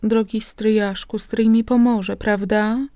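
An eager young wife, read by a woman who coaxes and pleads with her uncle for help. Her tone is soft and mellow, in a dry, close audiobook recording. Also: medium pitch, level tone, takes it slowly, dry recording, pitched above the performer's own voice, lightly acted. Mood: pleading. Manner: pleading, coaxing. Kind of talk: audiobook character reading.

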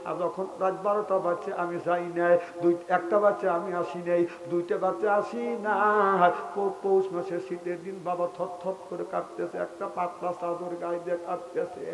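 A man preaching a sermon at a religious gathering, telling a story in a chanting way that swells into shouts. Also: high voice. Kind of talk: Islamic waz sermon storytelling. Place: open-air religious gathering. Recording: echoey PA sound with faint music.

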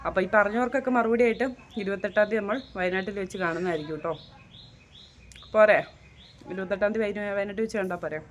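A woman's voice: mid-range voice, fast talker, a little hiss or hum. Chatty woman vlogging on the move. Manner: chatty, keeps addressing viewers with tag questions. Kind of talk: casual walking vlog. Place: outdoors walking along roads, then at home.

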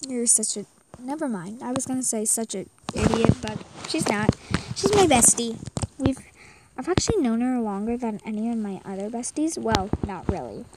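A woman's voice: fairly high pitch, expressive, moderate pace, very noisy. A young girl chatting casually and rambling while commenting on a game at a friend's house. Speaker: guest commentator.

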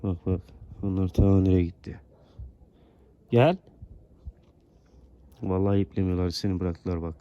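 Outdoors among his geese, a man films them and coaxes them affectionately, talking to them as if they were children in a casual vlog. His voice sits low with a steady tone, and he speaks at a measured pace with frequent pauses. The audio is lo-fi.

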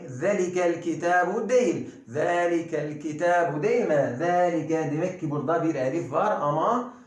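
A man with a Turkish accent and a fairly high voice teaches a recorded lesson, repeating words slowly and patiently. His voice rings through a very echoey room. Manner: slow, repetitive drilling of pronunciation. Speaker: Arabic teacher.

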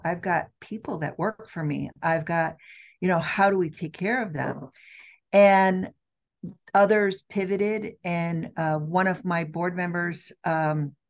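Speaking through a webcam from a windowed office, this trade show CEO is a middle-aged woman being interviewed as a guest over video call. She has a fairly low, gravelly voice and talks earnestly, slowly and deliberately, with many restarts.

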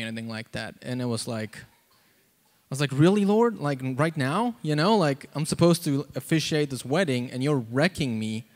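A South African preacher with a mid-range voice gives an informal sermon and testimony into a handheld microphone. Standing on stage in a church auditorium before a seated congregation, he speaks in a halting, conversational way full of "like" and "you know."

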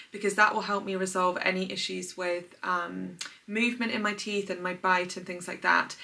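Chatty young woman, bright voice. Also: fairly low pitch, vocal fry, recorded from a distance. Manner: chatty, rambling, self-deprecating. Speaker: vlogger. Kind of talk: casual chat to camera. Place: home, dressing room and kitchen.

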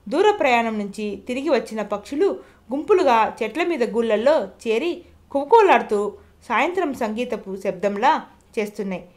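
A woman narrates an audio novel in a measured, descriptive way. Her voice is fairly high.

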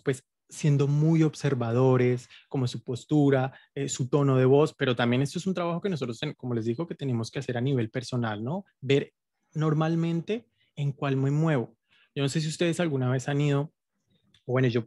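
A man's voice: medium pitch, darkish tone, no room sound, clean studio sound. A man teaching an online workshop in a casual, explanatory way, using many fillers and tag questions. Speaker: guest teacher.

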